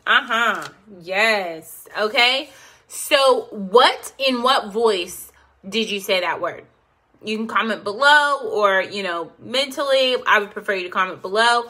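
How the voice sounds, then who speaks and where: Slow, bright-voiced woman leading affirmations. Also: medium pitch, lively intonation. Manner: coaxing, call-and-response, encouraging. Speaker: self-help video host. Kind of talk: guided affirmation exercise.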